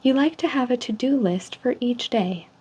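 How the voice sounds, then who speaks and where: A woman speaking softly in an ASMR role-play, reading survey statements in a polite, measured customer service manner. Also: fairly high pitch, lively intonation, breathy edge. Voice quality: soft, hushed. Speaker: ASMR role-player as call center agent giving a personality survey. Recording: dull lo-fi sound with faint noise.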